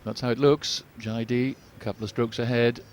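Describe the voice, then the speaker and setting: A man giving live golf commentary as the lead commentator, in a measured, understated, conversational way. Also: medium pitch, steady tone, a little mellow, slight background noise.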